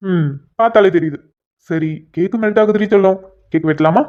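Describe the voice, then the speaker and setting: A shy, tender young husband from a cartoon story, voiced by a woman. He talks softly, apologizes earnestly, then teases his wife with gentle affection. The recording is dull and lo-fi, and the pitch sits in a middle range. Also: fairly quick, close to an everyday voice. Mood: teasing. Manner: soft, apologetic then playfully teasing. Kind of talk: cartoon dialogue voice acting.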